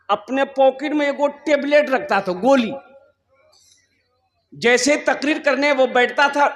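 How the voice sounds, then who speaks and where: A man with a Kolkata accent preaches a humorous sermon in a strikingly high voice, teasing his listeners with questions. His words echo through a large hall with a long reverb tail. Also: a bit bright. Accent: Kolkata Hindi. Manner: playful, quizzes the audience. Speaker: Islamic preacher. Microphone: public address mic.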